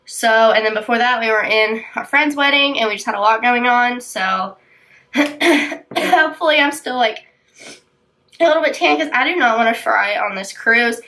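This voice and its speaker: Doing her makeup for a get-ready-with-me video, a young woman vlogger talks at normal speed in a fairly high, pushed, bright voice. She sounds congested and unwell, her throat tight and dry, and fills her casual chat with ums and likes.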